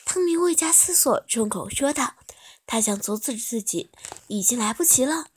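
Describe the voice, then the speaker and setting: A woman narrating a story in a soft, steady reading voice. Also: a little high, moderate pace, slight background noise.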